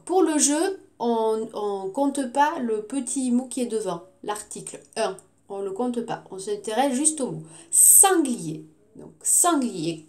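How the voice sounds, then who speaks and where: A tired woman teaching young children, slow and patient, stretching out her words. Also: fairly high pitch, a little mellow. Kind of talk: classroom lesson for young children.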